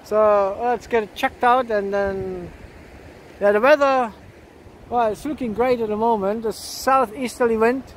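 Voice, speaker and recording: A man's voice: high-pitched, unhurried. A man in his fifties filming a casual fishing vlog on an open beach, chatty, laughing often and repeating words, holding the camera close. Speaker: fishing vlogger. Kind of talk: casual outdoor vlog commentary. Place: open sandy beach by the surf. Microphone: handheld camera close to face. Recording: wind and surf noise.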